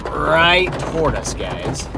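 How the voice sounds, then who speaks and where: Speaking slowly with a fairly high voice and big pitch swings, this storm chaser livestreamer narrates live to viewers in a casual, urgent, watchful way, often repeating himself. Vehicle and outdoor ambient noise come through clearly in the background.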